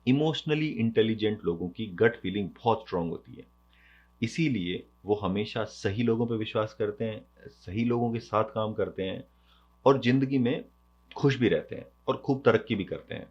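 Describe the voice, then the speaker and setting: A man's voice: lowish voice, moderate pace, a little mellow, husky. A man hosting an educational video, explaining in a conversational way, mixing English terms into his speech and asking rhetorical questions. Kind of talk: explanatory lesson. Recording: dull lo-fi sound.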